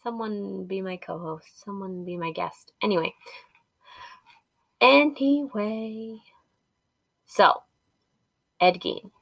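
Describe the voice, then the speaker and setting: A woman's voice: lowish voice, steady tone, unhurried, gravelly, no echo, lo-fi sound. A woman hosting a casual solo podcast from inside a closet, rambling informally and poking fun at herself. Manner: informal, rambling, self-deprecating, with swearing. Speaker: podcast host. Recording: close, dry closet recording.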